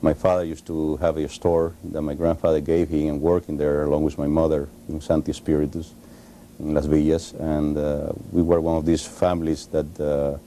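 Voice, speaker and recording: Studio guest: Cuban man in his forties, Spanish-accented English, very deep and flat, dark tone, halting pauses. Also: slight background noise. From Cuba. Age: 40s. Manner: halting, frequent uh pauses and restarts. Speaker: interview guest, author. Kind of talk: televised studio interview. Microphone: lapel.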